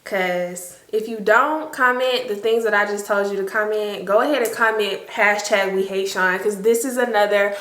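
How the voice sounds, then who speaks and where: A woman's voice: mid-range voice, normal speed, few pauses, fairly bright tone, echoey room, low-quality recording. A woman in her late twenties telling a storytime to her viewers in casual chat, chatty and emphatic. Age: late 20s.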